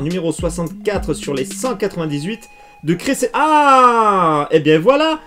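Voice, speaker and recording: Casual male unboxing host from France, high-pitched, chatty and reactive, soft music bed. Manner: chatty, reacts aloud to each card, many fillers. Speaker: YouTuber opening trading card packs.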